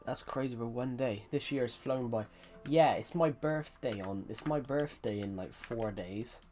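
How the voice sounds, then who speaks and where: Streaming a game live, this young Englishman with a Southwest accent rambles casually, restarting often and reading chat messages out loud. He speaks at medium pitch with a measured pace and a darkish tone, over faint music and the clatter of typing.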